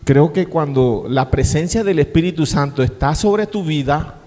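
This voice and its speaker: A middle-aged man preaching a sermon as pastor, swinging from hushed words to shouts. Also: a little high, normal speed, a little hiss or hum. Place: church sanctuary. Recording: long church-hall reverb.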